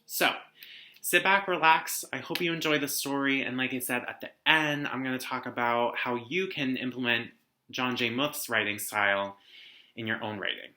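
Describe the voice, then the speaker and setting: Reading a picture book aloud for his students, a young adult teacher presents casually from the living room of his home. He speaks at a normal speed in a mid-range voice that is steady in tone but sharp. Indoor echo fills the recording.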